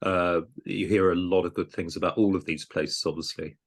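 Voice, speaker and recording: A man with a fairly low voice hosts a conversational podcast interview. He talks with plenty of ums, pauses and restarts. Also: steady tone. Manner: hesitant, many ums and restarts. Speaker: podcast host and programme director.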